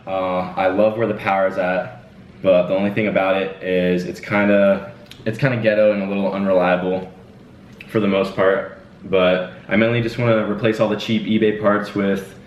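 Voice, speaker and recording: A man's voice: low-pitched, slight background noise. A twenty-year-old man hosting a casual Q&A at home, talking in a laid-back, rambling way with lots of fillers. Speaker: channel host. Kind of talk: casual Q&A chat. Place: indoors at home. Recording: echoey room, distant dull mic.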